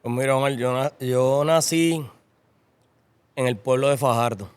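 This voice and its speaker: A middle-aged Puerto Rican man speaking as an interview guest in a relaxed voice. His tone is clear and smooth at a middle pitch, and he tends to say things twice. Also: a little slow, dry recording. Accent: Puerto Rican Spanish. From Puerto Rico. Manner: repeats phrases, relaxed and thankful. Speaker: interview guest, horse breeder. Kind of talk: casual interview.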